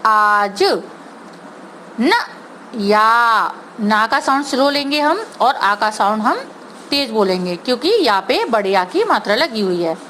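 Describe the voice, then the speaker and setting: A woman teacher giving an online Hindi lesson to young children, sounding out words slowly and patiently, mixing English words into her Hindi. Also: on the high side, lively intonation, a bit bright, slight background noise, low-quality recording. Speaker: primary school teacher.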